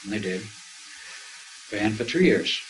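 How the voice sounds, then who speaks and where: Older man, low voice, rambling anecdotal storytelling, faint background hiss. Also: lively intonation, a little slow, poor audio. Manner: rambling, conversational, acts out quoted dialogue. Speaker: speaker recounting personal experiences.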